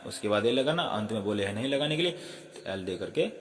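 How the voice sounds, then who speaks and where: A man's voice: lowish voice, expressive, a little fast, in a large hall. A man teaching a casual spoken lesson who often stops to apologize and correct himself.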